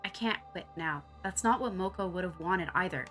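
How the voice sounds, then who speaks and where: A woman's voice: fairly low pitch, normal speed, a bit bright, faint music behind. A woman reading a visual novel aloud, narrating the story and acting out its characters.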